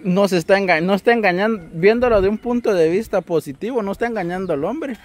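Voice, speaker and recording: A man's voice: high-pitched, fast talker. A man interviewing someone, adding his own reflective views along the way. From Guatemala. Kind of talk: casual interview.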